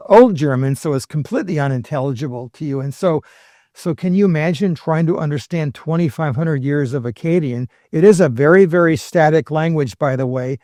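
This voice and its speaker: A man with a slightly higher voice than most, talking as a historian guest in a loose, conversational lecture. He explains patiently and drops wry little jokes along the way. The sound is dry and close, with no room around it. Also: darkish tone, no echo. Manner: explanatory, with wry humorous asides.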